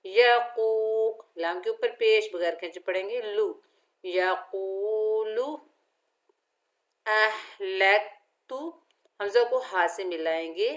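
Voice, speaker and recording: A woman's voice: medium pitch, fairly bright tone. A woman teaching Quran recitation, spelling out each letter and repeating syllables patiently for the learner. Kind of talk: tajweed lesson, spelling out letters.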